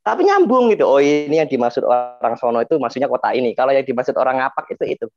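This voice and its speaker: A man explaining scripture dialects in a panel talk, slowly chanting verses between points. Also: mid-range voice, very animated, vocal fry, a little mellow, faint music behind. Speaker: religious teacher explaining dialects. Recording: dull, dry lo-fi sound.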